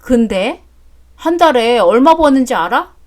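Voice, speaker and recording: A woman's voice: fairly high pitch, lively intonation, measured pace. A woman doing a curt, fed-up grown son. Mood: exasperated. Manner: curt, exasperated. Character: exasperated adult son working abroad. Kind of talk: story drama read aloud.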